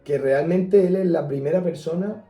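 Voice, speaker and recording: A young man co-hosts a casual music history chat, hesitant and searching for his words. His voice is very dark and mellow. He sits well back from the mic in an echoey room. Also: a little high, moderate pace, distant mic. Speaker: podcast co-host.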